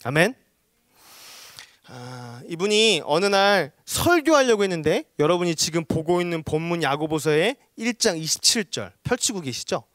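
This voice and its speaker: A man's voice: fairly high pitch, very animated, moderate pace, fairly bright tone, studio quality. A man who is a missionary preacher gives a sermon in a church hall. He keeps addressing the congregation, calls for amens and swells to emphatic exhortations.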